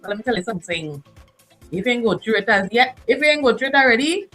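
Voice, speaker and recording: A woman co-hosting a casual relationship talk show, chatty and quick to laugh, using Caribbean-style phrasing. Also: on the high side, animated, fairly bright tone, soft background music. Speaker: co-host.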